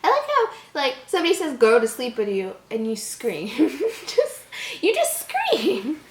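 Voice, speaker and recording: Reading a horror story for her channel, an English-speaking woman giggles and trips over words as she adds asides. Her high-pitched voice swoops wildly and moves a little slowly. The sound carries the echo of the indoor room she's in.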